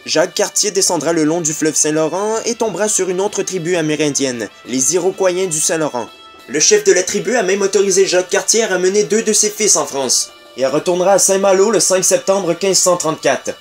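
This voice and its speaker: A man's voice: high-pitched, a little fast, soft background music. A man with a Québécois accent narrating a comic history lesson with wry, sarcastic asides. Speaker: video host.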